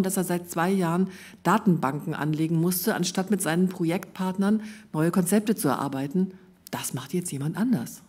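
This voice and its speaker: Woman reading fiction, low dark voice. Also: slightly rough. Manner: calm, measured reading with quoted dialogue. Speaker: author reading from her work. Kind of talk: literary reading. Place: event venue.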